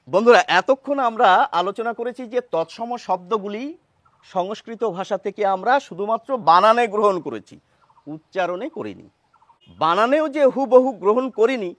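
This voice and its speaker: A man teaching a grammar lesson in a measured way, asking questions and then answering them himself. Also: high-pitched, fairly bright tone, no room sound. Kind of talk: explanatory lesson.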